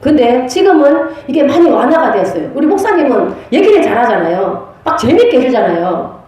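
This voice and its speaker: A pastor's wife teaches a church prophecy class with a fairly high, lively voice. She tells stories in an animated way and laughs often. Her voice rings through a very echoey church hall. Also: fairly quick. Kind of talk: church lecture with storytelling. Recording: very echoey room.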